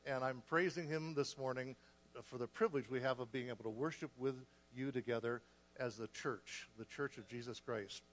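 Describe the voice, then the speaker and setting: A man preaching a sermon, earnest and a bit short of breath, restarting phrases and clearing his throat. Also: mid-range voice, normal speed, in a large hall. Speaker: guest preacher.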